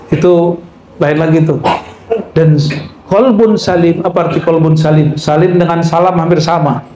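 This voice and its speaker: A man teaching mysticism in a lecture, his fairly high voice ringing in an echoey room over a faint background hiss. He jokes with the audience, throws questions at them and slips in recited Arabic phrases. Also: mellow. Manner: humorous, quizzes the listeners. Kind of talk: religious lecture to a live audience.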